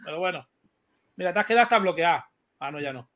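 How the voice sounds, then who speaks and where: A man's voice: high-pitched, animated, quick pace, a bit bright. A man on a live chat show, teasing and boisterous, swearing freely in heated banter.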